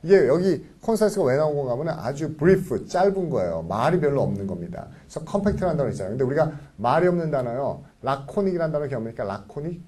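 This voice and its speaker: Animated, husky-voiced man lecturing a class. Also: a little high, quick pace, few pauses. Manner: animated, constantly checks in with the class. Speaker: English vocabulary lecturer.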